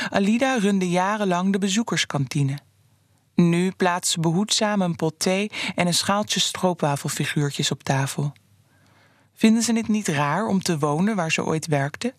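A narrator reading a scripted fiction story in a measured, even storytelling manner. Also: mid-range voice, no room sound, studio quality.

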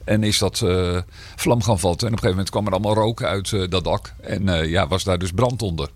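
A man's voice: low-pitched, quick pace. A man serving as mayor, talking in a podcast interview with a slight cold, hesitant and full of fillers and restarts. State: slight cold, rough throat.

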